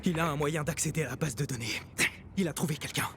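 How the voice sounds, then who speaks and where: An actor playing a determined, stubborn young hero in a French video game dub, speaking earnestly. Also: male voice, on the high side, fast talker, background noise, close to an everyday voice. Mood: resolute.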